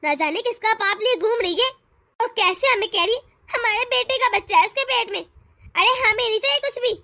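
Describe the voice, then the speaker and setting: A woman's voice: very high voice, brisk, exaggerated voice. A woman voicing a harsh, scolding middle-aged mother-in-law in a cartoon. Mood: scornful. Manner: sharp, contemptuous. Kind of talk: cartoon voice acting.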